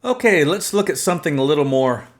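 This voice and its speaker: A man's voice: on the high side, expressive, fast. A middle-aged man explaining a technical topic step by step as an instructor, methodical, with frequent fillers. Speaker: transmission instructor. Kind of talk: technical walkthrough lesson.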